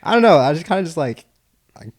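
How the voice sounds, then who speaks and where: A crowd murmurs in the background as a young man with a rather high voice talks quickly, his pitch swinging widely. He's a podcast co-host and concrete estimator, rambling casually with many fillers and false starts.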